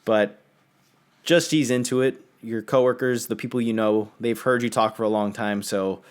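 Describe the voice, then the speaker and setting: A man's voice: medium pitch, fairly even intonation, moderate pace. Young male vlog host, earnest and direct, coaching straight to camera. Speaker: self-improvement video host. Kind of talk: casual instructional vlog.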